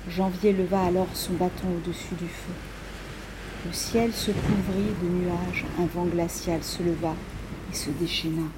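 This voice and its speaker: A woman narrating a fairy tale in a calm storyteller delivery, dropping into hushed whispers at times. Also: on the low side, a little slow, background noise.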